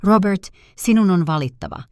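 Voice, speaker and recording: A woman's voice: medium pitch, animated, a little mellow, no room sound, studio quality, voice pushed up, lightly acted. A woman narrator reading the lines of a scornful, bullying daughter-in-law in a scolding storybook voice. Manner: contemptuous, scolding.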